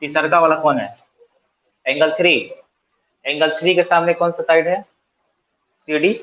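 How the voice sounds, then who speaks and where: A man's voice: fairly high pitch, fairly even intonation, unhurried, a bit bright, dull audio. A man tutoring math in colloquial Hindi with a Bihari accent, asking his students questions and answering them himself as he works through the steps. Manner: colloquial, mixes English math terms into Hindi. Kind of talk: classroom math lesson, working through steps aloud. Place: coaching centre classroom.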